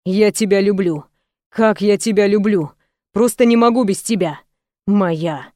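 A woman's voice: medium pitch, measured pace, a little mellow, no echo, studio quality, lightly acted. A woman voicing a playful, cocky young man in love, with a teasing, tender and brash manner, in an audiobook.

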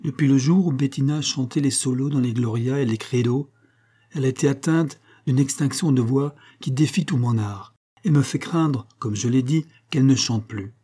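A measured, patient old doctor, voiced by a male reader, speaking slowly and gently in a dark, husky voice. The delivery stays calm and deliberate. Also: medium pitch, lightly acted. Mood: gentle.

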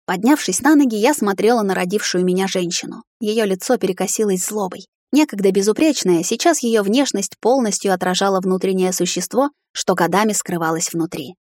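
A woman narrating a fantasy audiobook in the first person, in a middle-pitched voice. The reading is steady and dramatic. The sound is dry and close, with no room in it. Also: a little fast, few pauses, no echo.

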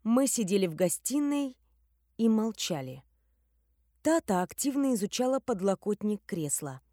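A woman's voice: medium pitch, big pitch swings, moderate pace, warm tone, no room sound, studio quality. A woman reading a first-person fantasy audiobook, with a wry, ironic tone. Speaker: narrator.

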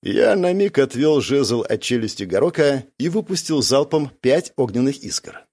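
A man narrating a first-person fantasy audiobook in a calm but expressive way. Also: mid-range voice, moderate pace.

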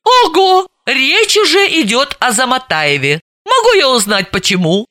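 A woman voicing a brisk, sarcastic female detective and doctor. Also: high-pitched, sing-song, pushed and bright, no room sound, studio quality, pitched above the performer's own voice, heavily acted.

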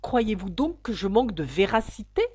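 A woman's voice: lowish voice, sing-song, fairly quick, slightly rough, no echo. A woman voicing a touchy little mouse who speaks curtly and severely. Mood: stern. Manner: curt, severe.

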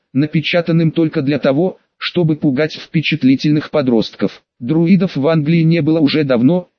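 A man narrates an audiobook in a steady, even storytelling manner. His voice sits fairly high for a man. The recording is dry and close, with a muffled, lo-fi sound. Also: no echo. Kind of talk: scripted narration.

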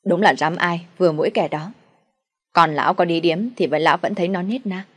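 A woman's voice: lowish voice, steady tone, a little fast, a bit bright. A woman voicing a shrewish middle-aged stepmother who scolds, curses and wails for the village to hear. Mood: taunting. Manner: scolding, cursing, wailing to the village.

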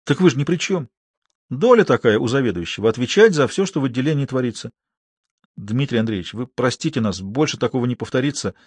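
Man voicing a young hospital staffer, quiet, pleading, dry sound. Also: medium pitch, animated, quick pace, breathy edge, no room sound.

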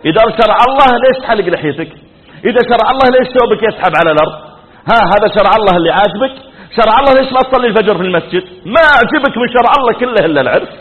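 A man putting on an indignant middle-aged wife with a Saudi accent, firing off fast, loud, mocking rebukes at her husband in a raised, higher voice. It comes through a tinny, phone-like line with a long hall reverb. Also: lightly acted. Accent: Saudi Arabic. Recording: tinny, echoey lecture hall.

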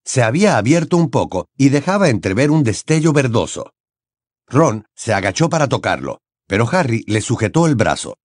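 Expressive male audiobook narrator. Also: medium pitch, normal speed, no room sound, studio quality. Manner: expressive storytelling with wide intonation. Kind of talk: scripted narration.

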